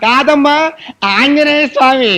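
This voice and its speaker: A wailing, panicky priest. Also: male voice, extremely high pitch, fairly even intonation, a little slow, background noise. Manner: melodramatic wailing and lamenting. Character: panicky, wailing temple priest, middle-aged. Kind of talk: film comedy dialogue.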